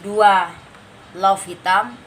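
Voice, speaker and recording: A woman's voice: medium pitch, steady tone, drawn-out words, background noise. A woman doing a casual spiritual card reading, chatty and coaxing, sometimes with a scolding tone. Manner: chatty, coaxing, refers to herself by name; scolding tone at times. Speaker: card reader.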